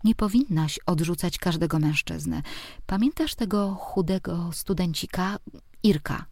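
A woman's voice: lowish voice, a little slow, a little mellow, no room sound, studio quality. A woman voicing a bossy, meddling mother who scolds and fusses at her grown children. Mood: fussing. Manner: scolding, insistent, fussing.

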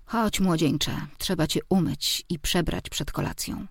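Woman voicing a dry-witted older dad, teasing, low voice, close dry sound. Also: unhurried, breathy edge, dry recording. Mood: wry. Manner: dry, mock-philosophical. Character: wry, clever older father, teasing.

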